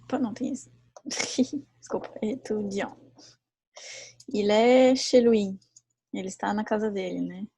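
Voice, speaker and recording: A woman teaching a live online class who explains patiently and repeats each example slowly. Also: mid-range voice, creaky, dark tone, slightly rough. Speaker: French teacher.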